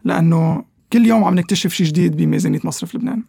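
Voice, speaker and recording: Fast, high-pitched man, Lebanese Arabic accent. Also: creaky, mellow, husky, no room sound, clean studio sound. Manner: mixes English terms into Arabic. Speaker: interview guest, economic analyst. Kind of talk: conversational expert explanation.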